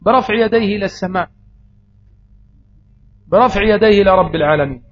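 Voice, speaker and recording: A male preacher with an Egyptian accent and a high voice talks fast through a religious lesson. He raises rhetorical questions and supplies the answers himself, and the recording is slightly dull with faint noise.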